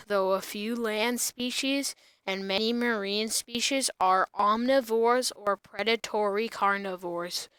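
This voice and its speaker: A child host reads an article aloud at a slow pace, in a flat monotone. The voice is clean and smooth, with a dry, close sound free of room echo. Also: medium pitch. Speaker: host of a snail facts show. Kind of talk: reading an encyclopedia article aloud to viewers.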